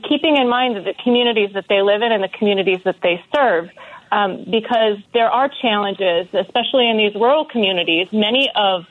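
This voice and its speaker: A woman's voice: on the high side, no echo. A woman from the Chicago area, a radio guest, talking earnestly with many um fillers. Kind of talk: radio interview. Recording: tinny phone line.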